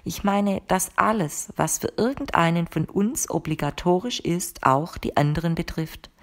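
A woman reader voicing a composed, mysterious woman who speaks calmly and firmly to her guest in an audiobook. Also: fairly low pitch, moderate pace. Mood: explaining calmly. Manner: calm, firm and matter-of-fact. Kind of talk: audiobook character reading.

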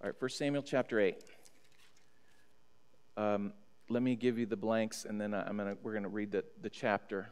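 A middle-aged American pastor teaches a Bible study from the pulpit of a church sanctuary, reading scripture aloud and checking in with his listeners in a teacherly way. His voice is lowish, steady, slightly mellow and clean, at normal speed with frequent pauses. A stand mic on the pulpit and a distant camera pick him up, with long church hall reverb.

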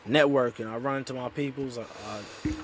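A man in his twenties, born in Sudan and raised in Australia, is a guest in a casual interview over a video call, wearing headphones. He talks in laid-back street slang, constantly saying "you know what I'm saying," with a medium-pitched, steady voice at a moderate pace and a little hiss or hum.

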